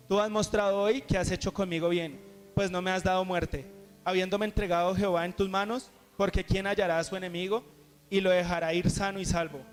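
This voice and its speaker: A high-pitched man preaches to his congregation, retelling a scripture story with earnest restarts. His voice rings through a long, reverberant hall. Soft guitar plays faintly underneath. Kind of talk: sermon.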